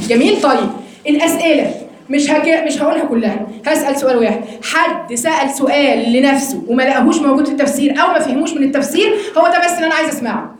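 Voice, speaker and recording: A woman with an Egyptian accent teaching an interactive Quran study lesson, quizzing her students in a quick, teasing way. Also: sits high, very echoey. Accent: Egyptian Arabic.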